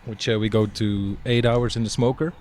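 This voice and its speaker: Young belgian chef guy, lowish voice, pretty flat, bit of hiss behind. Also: faint music behind. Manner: plain, unhurried descriptions with fillers. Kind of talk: casual interview.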